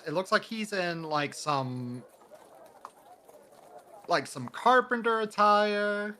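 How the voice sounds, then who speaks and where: Unhurried bright-voiced game master. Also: male voice, a little high, a little hiss or hum. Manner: relaxed, filler-heavy description. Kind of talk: narrating a tabletop game.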